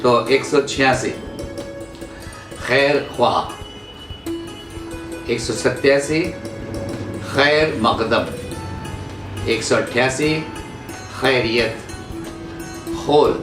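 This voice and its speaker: A man teaching Urdu pronunciation, reading out words slowly and repeating each one for emphasis. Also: medium pitch, echoey room. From India. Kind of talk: slow explanatory lesson.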